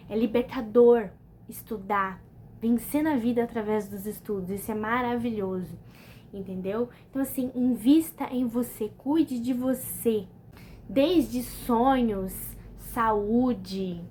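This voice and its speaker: A woman's voice: a little high, mellow, slight background noise. A woman with a Brazilian Portuguese accent giving motivational self-care advice to camera in a casual, conversational way, often checking in with the listener. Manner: conversational, repeats "entendeu?" often, restarts. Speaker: personal development vlogger.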